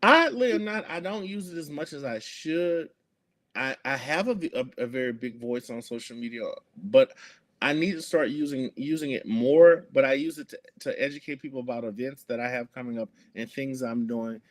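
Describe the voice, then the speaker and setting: In a conversational interview, a man with a medium-pitched voice talks at a moderate pace. He is an activist guest who speaks earnestly, filling his speech with many fillers and restarts.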